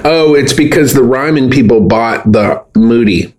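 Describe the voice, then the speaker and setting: A man co-hosting a podcast, making deadpan, over-the-top jokes in casual chat. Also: medium pitch, measured pace. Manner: deadpan, absurd overblown jokes. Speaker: podcast co-host.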